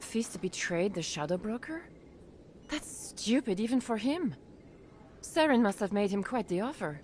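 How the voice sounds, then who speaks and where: Earnest, shaken clinic doctor. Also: female voice, mid-range voice, big pitch swings, measured pace, darkish tone, a little hiss or hum. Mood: earnest explaining. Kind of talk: video game voice acting.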